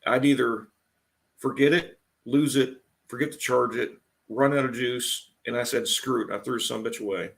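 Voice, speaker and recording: A man's voice: mid-range voice, steady tone, normal speed, gravelly, a bit bright. A man in his forties hosting a casual live stream, chatting in a laid-back way and greeting viewers as they join. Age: 40s.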